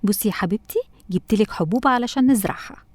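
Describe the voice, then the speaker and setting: A woman with an Egyptian accent voicing a loving, patient mother in a cartoon, talking gently and coaxingly. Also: mid-range voice, quick pace, no echo, natural voice. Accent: Egyptian Arabic. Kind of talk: cartoon voice acting.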